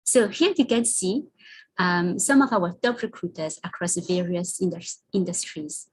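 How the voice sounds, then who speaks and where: A woman with a slightly husky, lowish voice presents an online information session. She moves through her slides in a steady, prepared way and hands over to the next speaker. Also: unhurried, rough recording. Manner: scripted, calls for the next slide.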